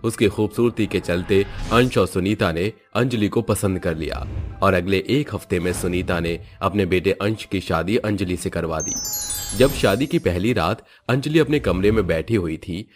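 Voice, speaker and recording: Low-voiced male storyteller. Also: normal speed, faint music behind. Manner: steady, expressive storytelling. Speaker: narrator. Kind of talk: scripted storybook narration.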